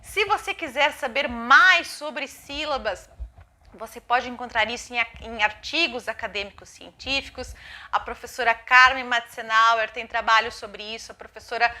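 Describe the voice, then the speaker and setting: High bright-voiced woman teaching. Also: moderate pace. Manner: explanatory, checks in with frequent tag questions. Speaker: educator explaining phonological awareness. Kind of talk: educational video explanation.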